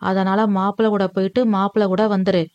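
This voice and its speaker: This is a woman playing a gentle, caring older father, a widower, who speaks with tender reassurance. His voice sits at a middle pitch. The recording is dull and lo-fi, close and dry. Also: level tone, fairly quick, no room sound, close to an everyday voice. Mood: comforting.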